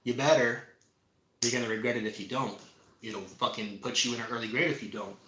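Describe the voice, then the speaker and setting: A man's voice: mid-range voice, fairly even intonation, a little fast, sharp tone. A man in his forties giving a casual, heartfelt monologue, swearing often and repeating himself for emphasis. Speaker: spiritual practitioner. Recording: roomy echo.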